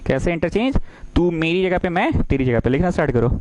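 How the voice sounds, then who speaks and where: A fairly high, animated male voice with a darkish tone moves at a quick pace through a classroom-style math lecture. The recording is low quality with no room sound, and he playfully acts out little dialogues while repeatedly quizzing students.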